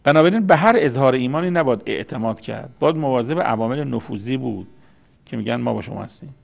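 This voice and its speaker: Casting: male religious lecturer, gravelly voice, patient and explanatory, mid-range pitch. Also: lively intonation. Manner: explanatory, repeats key words. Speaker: Quran commentator.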